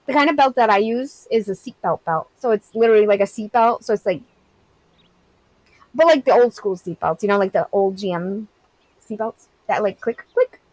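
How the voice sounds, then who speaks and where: Woman streamer, 30s, mid-pitched, candid and rambly, dry close sound. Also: expressive, moderate pace, a little mellow, no room sound, poor audio. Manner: candid, rambling, heavy use of "like". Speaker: game streamer. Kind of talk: casual chat, reading and answering live chat.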